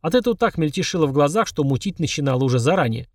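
A man narrating an audiobook with a somewhat high voice. His reading is lively, and he pitches up for the characters. The sound is dry and close, with no room around it. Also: very fast, no echo, recorded from a distance. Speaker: audiobook reader. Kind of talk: scripted narration.

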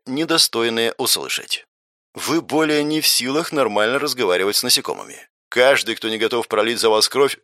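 A man voicing a cold, impersonal male game system announcer who recites rules in a flat, official way. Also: medium pitch, no room sound, clean studio sound. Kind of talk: audiobook character reading.

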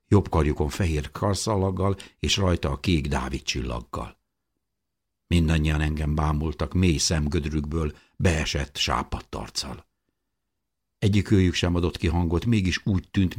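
A man narrating an audiobook in the first person with an expressive, dramatic reading. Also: extremely low pitch, husky.

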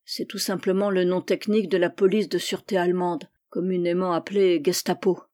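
A woman reading the part of a frightened middle-aged café owner, speaking in a hushed, urgent way. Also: lowish voice, little pitch movement, fairly quick, natural voice. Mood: fearful.

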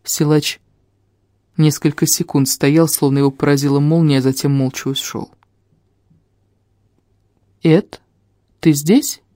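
An audiobook narrator tells a first-person fantasy tale with expressive, feeling-filled delivery. The voice is warm and mellow, middle in pitch, recorded close and dry with no room sound. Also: normal speed, dry recording. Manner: expressive, emotional storytelling.

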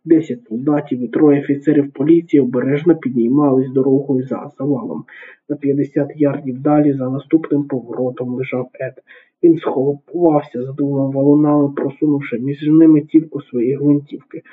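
Husky man reading a novel aloud. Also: mid-range voice. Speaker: audiobook narrator. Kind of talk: audiobook reading. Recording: narrow phone-like sound.

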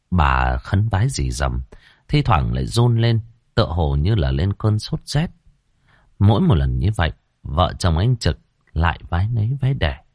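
A man storyteller narrating a ghost tale in a low voice, slow and deliberate. His delivery is dramatic, rising and falling with a lot of expression. The recording is dry and close. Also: darkish tone, no room sound.

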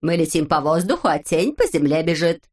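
A woman voicing a wise, calm little man from a storybook who patiently explains things to the others. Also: low voice, breathy edge, exaggerated voice. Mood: explaining. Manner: slow, explaining, measured.

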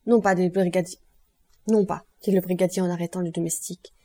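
A woman reading an audiobook voices a gendarme sergeant giving brisk orders. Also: lowish voice, steady tone, dark tone, natural voice. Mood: commanding. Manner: brisk, commanding.

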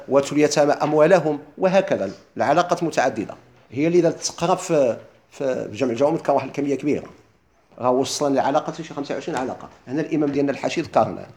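A man's voice: a little high, darkish tone. A man with a Moroccan accent teaching a lesson on classical rhetoric, asking questions and answering them himself.

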